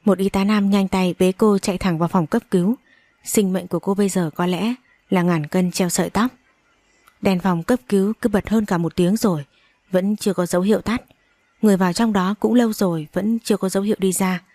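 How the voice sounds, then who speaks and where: Reading at a slightly fast pace, this narrator voices all the characters of a dramatic story with heavy emotion. Her medium-pitched voice has a dark tone and fairly even intonation, and there's no echo in the recording.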